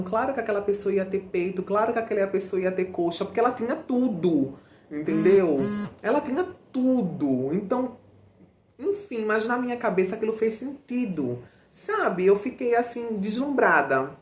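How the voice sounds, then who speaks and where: Chatty woman telling a story in a roomy echo. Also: medium pitch. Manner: chatty, expressive, addresses viewers often, slangy. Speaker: vlogger. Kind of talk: casual storytelling to viewers.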